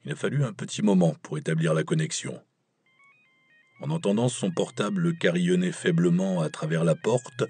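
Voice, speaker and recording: A man narrating an audiobook in the first person, measured and wry. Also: sits low, a little mellow, breathy edge, dry recording.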